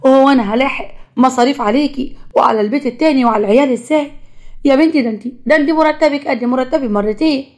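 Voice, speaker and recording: A woman voicing a smug, defensive husband in an animated storybook tale, talking bluntly and fast. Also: sits high, natural voice. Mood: protesting. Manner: blunt, self-justifying.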